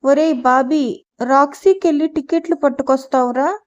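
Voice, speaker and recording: A lively young working woman from a storybook, eager and brisk with her family, as a woman narrator reads her. She sounds high-pitched, and the recording is a little dull. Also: close to an everyday voice.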